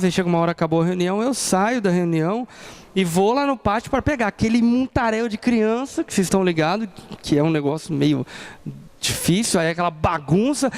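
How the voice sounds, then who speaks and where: A Brazilian man in his thirties preaching a sermon and telling family stories, acting out the people in them. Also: high-pitched. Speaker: pastor. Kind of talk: sermon with personal storytelling.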